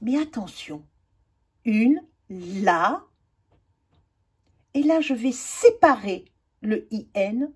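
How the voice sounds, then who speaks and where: A woman's voice: a little high, lively intonation, extremely slow, long pauses, darkish tone, husky. A woman teaching a children's spelling lesson, spelling out letters and drawing words out carefully.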